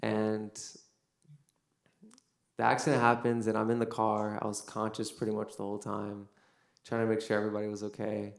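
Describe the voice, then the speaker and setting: A man's voice: lowish voice, gravelly. A young man telling a personal faith testimony in a casual storytelling way, full of fillers. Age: young adult. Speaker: son giving a testimony. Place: university venue. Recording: echoey room.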